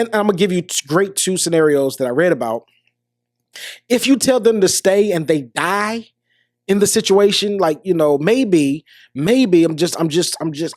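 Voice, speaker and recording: A man's voice: fairly high pitch, no echo, clean studio sound. An American man hosting a podcast, talking through relationship advice in an earnest, repetitive motivational monologue. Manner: earnest, repeats himself, restarts phrases. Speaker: podcast host.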